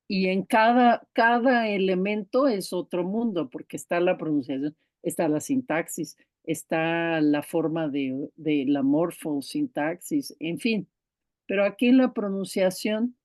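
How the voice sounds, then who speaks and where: A woman's voice: fairly low pitch, a little mellow, dry recording. A woman teaching an online course, explaining step by step, restarting words and checking in with her listeners. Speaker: course instructor. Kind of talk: online lecture on pronunciation teaching.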